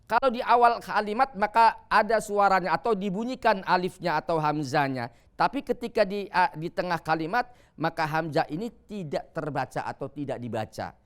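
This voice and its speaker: Male Quran teacher on TV, smooth clear voice, patient explainer. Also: high voice, lively intonation. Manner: explains patiently, chants Arabic verses slowly. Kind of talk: televised Quran reading lesson. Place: TV studio.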